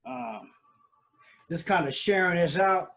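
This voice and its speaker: Talking into his computer mic at home, this host with a somewhat higher voice drifts through a casual live stream, restarting sentences and leaning on fillers. He sounds expressive and a little bright, and he takes his time.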